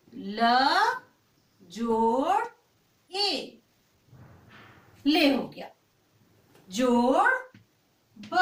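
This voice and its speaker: A woman teaching young children, spelling out letters slowly and asking them patient questions. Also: high-pitched. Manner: slow, sing-song spelling out of letters. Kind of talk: children's language lesson. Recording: echoey room, mic at a distance.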